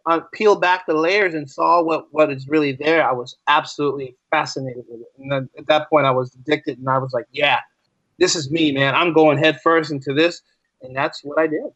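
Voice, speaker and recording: An English as a second language teacher from the US East Coast chats as a podcast guest, explaining ideas casually and often asking rhetorical questions to check in. His voice is a little high with a fairly bright tone. The recording has no echo but sounds muffled.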